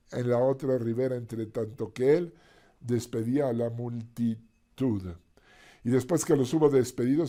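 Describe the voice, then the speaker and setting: A man's voice: mid-range voice, dark tone. A male pastor teaching a Bible passage in a conversational sermon, with asides and sudden screams.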